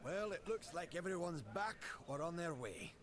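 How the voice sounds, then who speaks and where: A man's voice: a little high, very animated, moderate pace. An actor playing a grateful, practical townsman in scripted fantasy video game dialogue. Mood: grateful, matter-of-fact.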